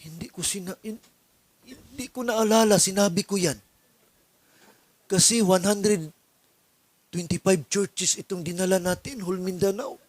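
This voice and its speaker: A male preacher voicing a busy older senior pastor who speaks quickly and matter-of-factly. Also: high-pitched, steady tone, dry recording. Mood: apologetic.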